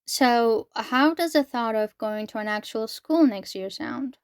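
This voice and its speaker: A woman's voice: fairly high pitch, measured pace, clean tone, no echo, clean studio sound. A woman reading the lines of an overly sweet, affectionate mother from a book, with syrupy endearments. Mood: sugary.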